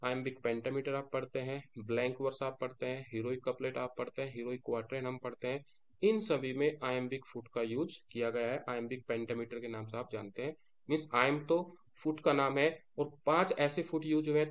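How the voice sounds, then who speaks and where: A man with an Indian accent teaching a lecture, mixing in English terms and answering his own questions. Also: mid-range voice. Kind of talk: classroom-style lecture.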